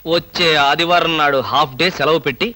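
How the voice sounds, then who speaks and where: An actor playing a mischievous, scheming husband in a film comedy, talking in a teasing, theatrical way. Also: male voice, fairly high pitch, fairly even intonation, a little fast, bright, forceful tone, slight background noise. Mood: deadpan. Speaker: husband, office worker.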